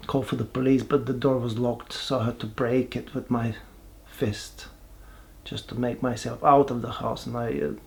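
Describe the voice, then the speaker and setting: A man, giving a halting, reflective personal testimony with many pauses and restarts. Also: mid-range voice, fairly even intonation, gravelly. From Bulgaria. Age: 40s. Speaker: person sharing his life story.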